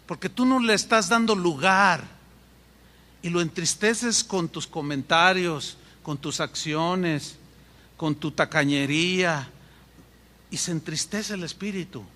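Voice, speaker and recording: A man preaches a sermon in an animated way, slipping into voices for his anecdotes. His voice sits high and rings bright. The sound comes from a hall with a long, trailing reverb. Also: slow. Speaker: pastor.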